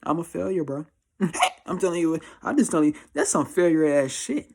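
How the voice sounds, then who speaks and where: In a recording with slight background noise, a twenty-four-year-old American man gives life advice as a vlogger talking casually to camera. His voice runs on the high side with a darkish tone and a moderate pace. The monologue is slangy and confessional, blunt and emphatic, with phrases frequently repeated.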